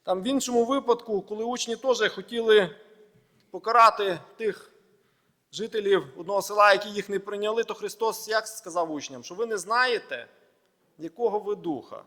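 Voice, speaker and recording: Male pastor, high voice, sermon delivery with emphatic lists, long hall reverb. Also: sharp tone. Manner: measured preaching in short phrases, with emphatic lists. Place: church hall.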